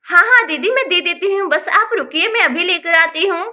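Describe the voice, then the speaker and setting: A caring young village woman voiced by a woman speaks politely and gently in a very high, bright voice. She soothes and looks after everyone around her. It is a doll-story voice, barely acted. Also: fairly quick, heavily acted. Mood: kind. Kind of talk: Hindi doll-story voice acting.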